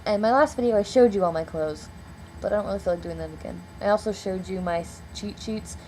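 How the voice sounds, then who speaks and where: A woman's voice: medium pitch, darkish tone, a little hiss or hum, poor audio. A young woman in a casual storytelling vlog, rambling and filling her speech with "like" and "um.". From United States. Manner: rambling, heavy on "like" and "um" fillers. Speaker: vlogger.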